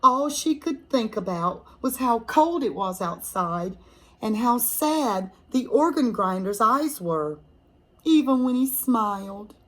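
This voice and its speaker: A woman teacher with a higher-pitched, expressive voice reads a picture book to children, taking her time and pausing to put questions to them. The audio quality is poor.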